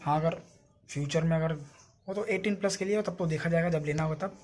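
In a slightly high, somewhat mellow voice, a young man chats quickly and informally into his phone, vlogging to viewers he addresses as friends. He's in and around a home, both inside and outside, and the arm's-length phone recording is noisy.

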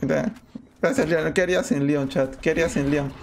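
Male game streamer, high and animated, excitable, noisy recording. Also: fairly quick, gravelly. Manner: excitable, yells and whines at the game. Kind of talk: gameplay commentary.

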